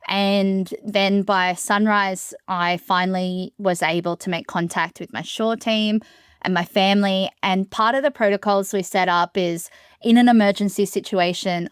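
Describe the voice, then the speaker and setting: A woman who is a solo sailor, telling the story of her ordeal in an interview in a steady, matter-of-fact way. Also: mid-range voice, clean tone, no echo, studio quality.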